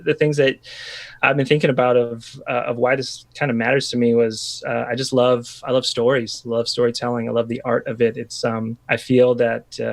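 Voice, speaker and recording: A man in his thirties from Washington state talks as a podcast guest, his voice gravelly with a narrow, level pitch. He muses aloud, circling back and restarting his thoughts. He sounds like a pastor in casual conversation. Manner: chatty, reflective, full of restarts and fillers.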